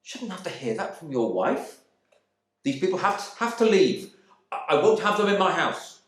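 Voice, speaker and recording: An actor in an echoey room delivers a novel's dramatic monologue as an indignant, stuffy husband returned from war, charged with wounded fury. Speaking at normal speed in a sing-song way, he voices pompous, narrow-minded affront, his pitch ranging widely from muttering to outburst.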